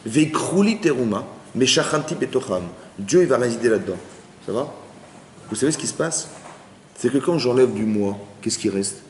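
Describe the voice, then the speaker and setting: A man teaching an informal Torah class to an audience, lively and conversational, often asking whether his listeners follow. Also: mid-range voice, moderate pace, a little hiss or hum. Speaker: rabbi. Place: study hall with audience. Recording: roomy hall with long reverb.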